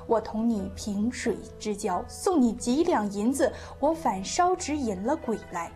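A woman's voice: on the high side, very animated, unhurried, warm tone, soft background music. A woman storyteller voicing a desperate, indignant middle-aged man who grumbles about being wronged. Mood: aggrieved. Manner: grumbling, aggrieved.

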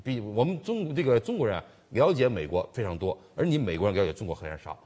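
A man co-hosts a political chat show and retells events quickly. He restarts often and fills gaps with hesitations. His slightly husky voice rises and falls in a lively way. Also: on the low side. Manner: rambling retelling with many restarts and fillers. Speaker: co-host, commentator.

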